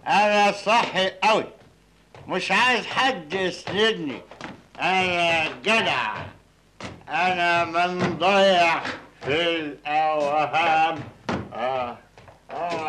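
An actor playing a drunken, boastful, stubborn husband in an Egyptian film, rambling and repeating himself in Egyptian Arabic. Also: male voice, a little high, sharp tone, a little hiss or hum. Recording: film soundtrack with music behind.

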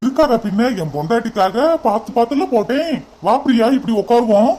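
A gentle, doting cartoon husband. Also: male voice, very high-pitched, animated, quick pace. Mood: affectionate. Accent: Tirunelveli Tamil. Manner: affectionate, reassuring.

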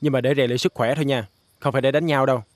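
A man playing a gruff lecturing tough guy. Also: medium pitch, steady tone, very fast, dry recording, lightly acted. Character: tough older man, condescending mentor.

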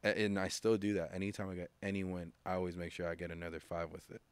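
Guesting on a studio podcast, an American music producer in his thirties chats casually, rambling with restarts and acting out quotes in a laid-back way. His voice sits low, level and smooth, and he talks quickly. Recorded on a studio mic with headphones, the sound has no room echo.

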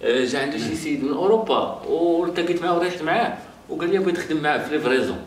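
A young man with a Moroccan accent, talking in a lively, pleading, boasting way. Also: on the high side, very fast, echoey room, distant mic, slight background noise, close to an everyday voice.

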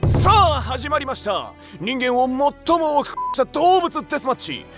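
A brash, excitable cartoon boss with an extremely high, creaky voice. He is bombastic and loud, like a ring announcer, over music. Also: moderate pace, heavily acted. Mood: showy announcing. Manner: bombastic announcing and frantic pleading. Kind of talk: animated comedy acting.

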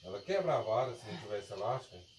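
A man, a fishing companion making quick, offhand remarks outdoors by a pond. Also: lowish voice, lively intonation, darkish tone. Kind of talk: casual banter while fishing. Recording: distant voice with crowd noise.

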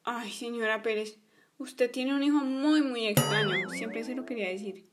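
A woman's voice: fairly high pitch, normal speed, soft background music, lightly acted. A woman doing a pouty little girl. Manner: complaining, pouty. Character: sulky young girl friends. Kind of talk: toy play storytelling.

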